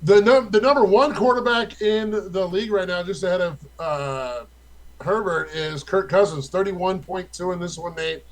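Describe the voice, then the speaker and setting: A man's voice: sits high, moderate pace, rough recording. A young man co-hosting a casual fantasy football chat, rattling off stats in a loose, profane way.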